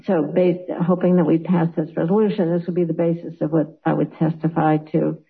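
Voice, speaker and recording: A woman's voice: low voice, level tone, a little fast, gravelly, slightly rough. A woman legislator presenting a resolution at a public meeting, speaking hesitantly with many fillers, over a remote call. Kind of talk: formal meeting remarks. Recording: tinny phone-like audio.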